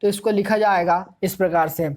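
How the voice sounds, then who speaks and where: A woman's voice: mid-range voice, fairly even intonation, moderate pace, darkish tone. A woman teaching a grammar lesson for exam students. She asks the class questions, answers them herself and repeats key points. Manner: explanatory, drilling tone.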